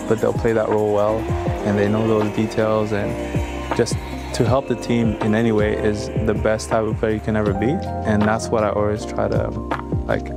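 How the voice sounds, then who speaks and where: A young man born in Rwanda and raised in Canada, a professional basketball player, talking about himself in a halting way with many fillers. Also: fairly low pitch. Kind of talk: sit-down interview about himself.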